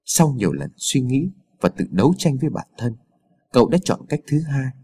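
A man with a husky, breathy voice narrates a scripted horror story. His pitch swings widely as he dramatizes the tense moments. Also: big pitch swings, normal speed, mellow.

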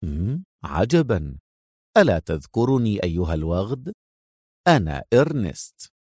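Guy doing a low slow sneery general, cool and threatening, dry sound. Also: expressive, dry recording. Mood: mocking. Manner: sarcastic, slow, menacing. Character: cold mocking male general, calm and menacing.

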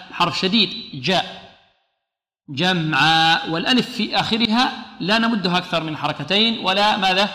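A man teaching Quran recitation to a class. He poses questions to students, answers them himself, and slows down to demonstrate each word carefully. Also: high voice, bright, forceful tone. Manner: often repeats a short blessing to students. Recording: echoey room.

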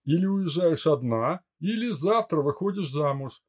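A man's voice: a little high, animated, moderate pace, a little mellow, lo-fi sound, voice pushed up. A man reading a domineering older brother in an audiobook, growling out commands. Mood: gruff commanding. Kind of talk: audiobook character voice.

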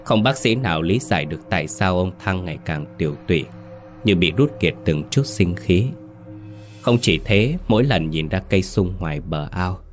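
A man giving grave, measured scripted narration of a horror story. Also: low-pitched. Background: faint music.

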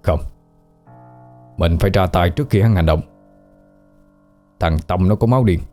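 A man playing a treacherous young lover, smooth and scheming as he plots. His voice is low and mellow, over faint music. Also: moderate pace, natural voice. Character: sly young male cousin, treacherous lover.

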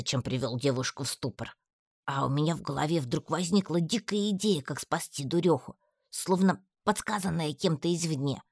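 A woman with an unusually low voice narrates a first-person fantasy story. Her reading is lively and expressive. The sound is close and dry, with no room around it. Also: no echo. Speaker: audiobook narrator.

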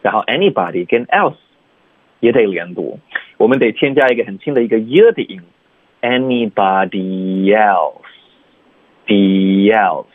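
Brief: male language teacher, husky and animated in pitch, patient step-by-step explainer, phone-thin sound. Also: fairly quick, dry recording. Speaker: English teacher. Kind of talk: radio language lesson. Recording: tinny phone-like dry sound.

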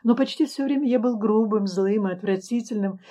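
A woman's voice: mid-range voice, fairly quick, mellow, lightly acted. A woman reading the lines of a passionate, intense man in love in an audiobook, in an earnest, pleading tone.

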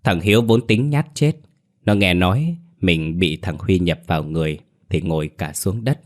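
A man reads a scripted first-person ghost story. His voice is deep and low, and the reading stays measured and steady throughout.

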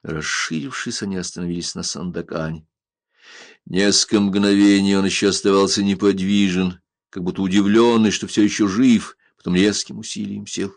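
Lower-voiced man narrating an adventure book. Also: fairly even intonation, moderate pace, no echo. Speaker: audiobook narrator. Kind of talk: scripted narration.

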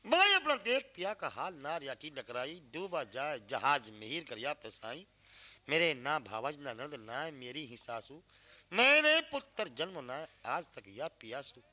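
A male singer-storyteller performs a folk tale, shifting between spoken narration and sung verse and asking rhetorical questions he then answers. His voice is on the high side, very animated, bright and forceful, at a measured pace. It is a cassette field recording with instrumental music.

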